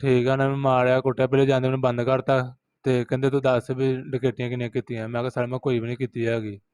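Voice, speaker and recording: Fast-talking Punjabi-accented man, flat delivery. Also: mid-range voice, clear, resonant tone, dry recording. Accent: Pakistani Punjabi. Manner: recounts events, quoting others in repetitive phrases. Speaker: interviewee, rickshaw driver. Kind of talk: street interview.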